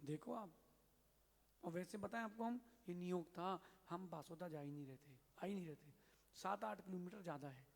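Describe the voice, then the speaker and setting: A high-voiced man preaches a sermon as a Jain monk. He tells a folk tale with lively, acted-out dialogue. His voice rings with long reverb in a temple hall. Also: moderate pace, vocal fry. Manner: lively storyteller acting out dialogue. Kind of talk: sermon with storytelling.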